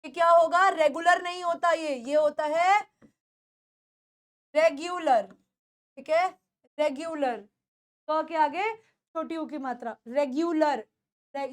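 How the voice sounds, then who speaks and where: A woman teaches pronunciation in a classroom lesson, her voice high and her pace unhurried. She says each word again and again and keeps checking whether her students have understood. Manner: drills words by repeating them and asks students checking questions.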